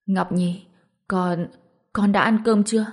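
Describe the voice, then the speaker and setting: A woman's voice: medium pitch, normal speed, darkish tone, lightly acted. Woman reading a doting elderly mother. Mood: tearful, doting. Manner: anxious, doting questions. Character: elderly mother, fussing and tender. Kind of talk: storybook narration.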